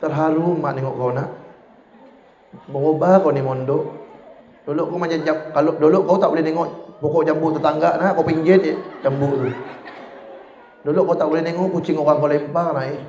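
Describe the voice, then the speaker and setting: A man's voice: a little high, steady tone, normal speed, pauses often, a little mellow, close to an everyday voice. A man doing a tearful doting old mother. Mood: fondly tearful. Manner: fond, scolding, Malay-flavored speech. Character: doting older mother moved to tears. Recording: echoey hall with faint noise.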